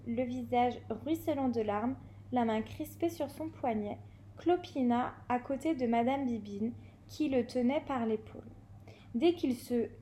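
A woman's voice: a little high, slight background noise. A woman reading a novel aloud expressively, now and then stumbling and correcting herself. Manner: expressive, with occasional slips and self-corrections. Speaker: reader.

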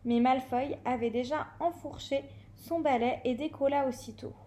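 A woman with a high voice reads a children's novel aloud, lively and expressive. Now and then she trips over a word or a name and goes back to correct herself. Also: moderate pace. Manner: expressive, with occasional slips and self-corrections. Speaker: reader.

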